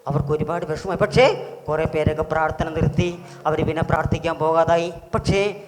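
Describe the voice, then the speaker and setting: Animated man quizzing children in a hall. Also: fairly high pitch, moderate pace. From Kerala, India. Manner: animated, keeps quizzing the children with rising questions. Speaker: pastor hosting a children's Bible school. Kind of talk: children's program hosting and storytelling. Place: auditorium. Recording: echoey hall with faint noise.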